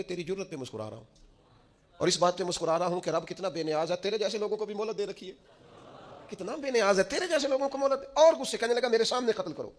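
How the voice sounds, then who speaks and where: Impassioned high-voiced Pakistani preacher. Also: male voice. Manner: impassioned, swings between hushed storytelling and loud exhortation. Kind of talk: Urdu sermon storytelling.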